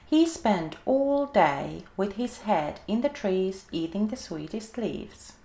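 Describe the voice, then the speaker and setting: A woman gently and expressively reading a children's story aloud in an echoey room. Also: medium pitch, lively intonation, takes it slowly, vocal fry.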